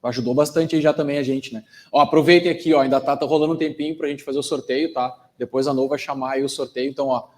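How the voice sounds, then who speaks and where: A man's voice: mid-range voice, fairly even intonation, fast talker, hardly any pauses, a little mellow. A man hosting a live tech event, reading audience questions and joking with the speaker. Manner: playful, joking, laughs often. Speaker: event host.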